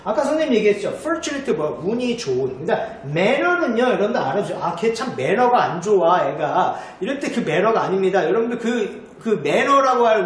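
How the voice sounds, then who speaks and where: A male teacher explaining vocabulary with a high, lively voice that swings all over its range. He stays chatty and keeps turning to his students to check that they follow. The sound bounces hard around a very echoey room, with a little faint noise underneath. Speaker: English teacher.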